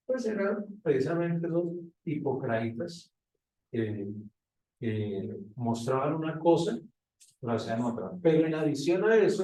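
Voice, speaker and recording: Male pastor, sermon delivery, rhetorical questions, mellow tone, distant roomy church sound. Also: a little high. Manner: preaching with rhetorical questions to the congregation. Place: church hall. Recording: echoey hall from far off.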